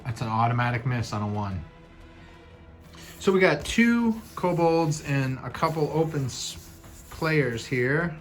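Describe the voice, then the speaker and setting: A man's voice: mid-range voice, expressive, a little slow, soft background music. A man playing a solo tabletop dungeon game, reading cards aloud, counting moves and dice, and thinking aloud about the rules. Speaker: game master.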